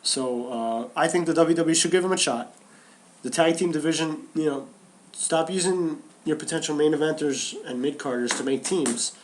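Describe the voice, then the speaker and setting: A man's voice: a little high, moderate pace, slight background noise. Chatty man breaking down wrestling. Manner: animated, restarts and repeats phrases. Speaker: podcast co-host. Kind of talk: casual wrestling chat.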